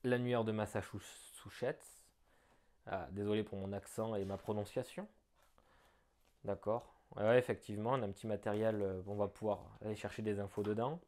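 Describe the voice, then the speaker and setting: A man doing casual unboxing commentary on a gift. He thinks aloud, talks chattily and breaks into bursts of excitement. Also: on the low side, brisk. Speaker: board game unboxing vlogger.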